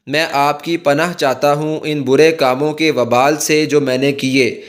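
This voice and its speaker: Male religious teacher, slightly raised pitch, earnest, instructive delivery. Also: fairly even intonation. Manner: slow, careful recitation of Arabic supplication; earnest, instructive address to viewers. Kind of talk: scripted religious explainer.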